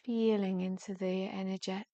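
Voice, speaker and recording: A woman guides a yoga nidra relaxation, gentle and soothing, her soft phrases trailing off breathily with long pauses in between. Her voice sits in the mid range with a level tone, and the recording sounds muffled.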